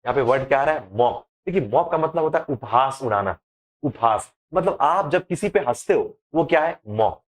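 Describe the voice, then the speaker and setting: A man teaching an exam-prep lesson on English idioms, explaining in a lively, repetitive way and asking rhetorical questions. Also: mid-range voice, normal speed.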